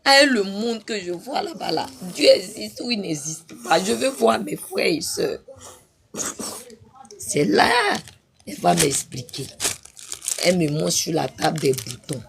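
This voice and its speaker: A woman's voice: fairly low pitch, big pitch swings, unhurried, vocal fry. A woman preaching her testimony on a live stream, fervent and repetitive, breaking into sudden cries. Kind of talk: impassioned spoken testimony.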